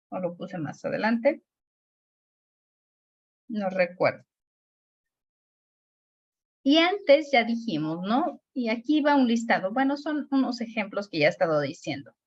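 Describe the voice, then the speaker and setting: A woman with a Mexican accent teaching a spelling lesson, explaining patiently and drawing out words slowly to show the stress. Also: medium pitch. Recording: dull lo-fi recording.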